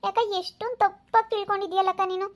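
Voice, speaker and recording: A woman's voice: very high voice, level tone, quick pace. A woman voicing a young village woman who pleads innocence in a whiny, pleading way. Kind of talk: skit acting.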